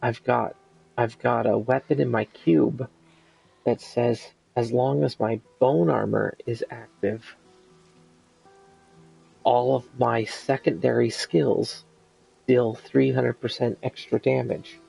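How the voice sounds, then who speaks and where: A man talks casually through his video game. His voice is very gravelly and husky, and he explains in stops and starts over faint music. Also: mid-range voice, steady tone, takes it slowly, mellow, dry recording, poor audio. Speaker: gamer commentating on own play. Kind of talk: casual gameplay commentary.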